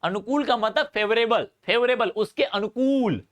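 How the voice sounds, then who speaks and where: A man with a Hindi accent teaching a live online chemistry class, talking fast, repeating each point and calling students brother. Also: extremely high pitch.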